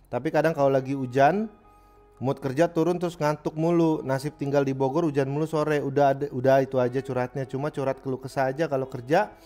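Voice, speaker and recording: A man's voice: medium pitch, fairly even intonation, fast talker, warm tone, faint music behind. A man, a livestream host who reads viewer messages and gives joking, slangy advice. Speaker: streamer reading viewer messages. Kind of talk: casual livestream chat.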